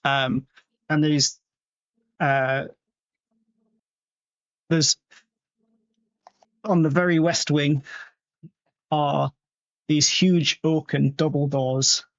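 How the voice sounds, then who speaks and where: Slow, halting game master. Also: male voice, a little high, fairly even intonation, fairly bright tone, no room sound, lo-fi sound. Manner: unhurried, with many ums and pauses. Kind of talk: narrating a tabletop game.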